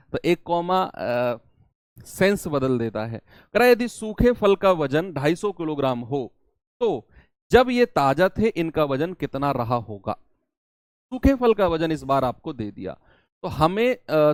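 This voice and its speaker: Man, teacher, math lesson, step-by-step explaining, smooth clear voice, dry close sound. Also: high-pitched, dry recording. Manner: explains step by step, asks students questions. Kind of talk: math lesson for exam students.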